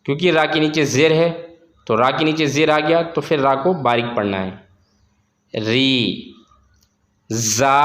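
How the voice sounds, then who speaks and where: A man's voice: fairly high pitch, fairly bright tone, echoey room. A man teaching Quran reading, drawing out each syllable and repeating the sounds for learners. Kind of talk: slow, step-by-step recitation lesson.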